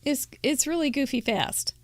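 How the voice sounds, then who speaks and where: Upbeat woman host in her fifties, high voice, dry close mic. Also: expressive, normal speed, no room sound. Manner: chatty and upbeat, laughs often. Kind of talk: live crafting show chat.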